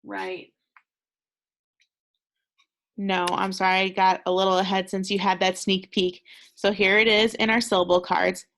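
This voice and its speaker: Slow and level-toned, an American woman at medium pitch walks a class of second graders through a phonics lesson. Her crisp, bright voice stays patient and encouraging, and she pauses to let the children reply.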